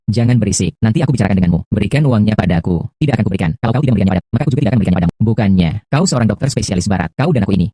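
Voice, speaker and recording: A man reading all the dialogue of a dubbed drama, voicing every character in one steady, quick delivery. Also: lowish voice, dry recording, clean studio sound. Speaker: voice-over reader of a dubbed drama. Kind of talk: fast scripted dialogue dub read in one voice.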